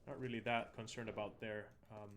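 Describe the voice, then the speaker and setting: A man giving casual, somewhat halting esports commentary over a video game match. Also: on the low side, flat delivery, heavy background noise. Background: in-game audio bleeding through.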